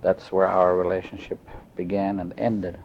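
An older man from Austria, recalling his life story in a measured, matter-of-fact way, pausing to search for words. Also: sits low, level tone, creaky, a little hiss or hum. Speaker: interviewee. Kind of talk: oral history recollection. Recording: dull lo-fi tape recording.

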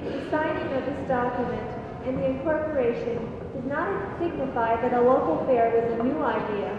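A woman with a high voice narrates from a script. She sounds far from the mic in a reverberant hall with clear noise. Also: lo-fi sound. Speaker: narrator introducing speakers. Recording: echoey hall, distant mic, noisy.

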